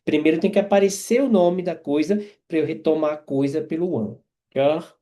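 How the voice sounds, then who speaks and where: Male French teacher, slightly high, mellow tone, patient explainer who keeps checking understanding. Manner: repeats and checks in with quick tags. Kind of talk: explaining grammar with example sentences.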